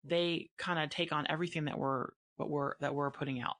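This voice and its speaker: Woman hosting a chat, earnest and emphatic, thinking out loud, dry close sound. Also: deep voice, fairly even intonation, a little fast, dry recording. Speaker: podcast host and dog breeder. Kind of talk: casual conversation.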